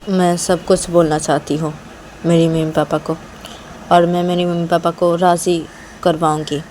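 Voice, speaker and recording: A woman's voice: fairly low pitch, flat delivery, normal speed, darkish tone, a little hiss or hum, close to an everyday voice. A woman voicing a determined young woman who insists earnestly and repeats her resolve.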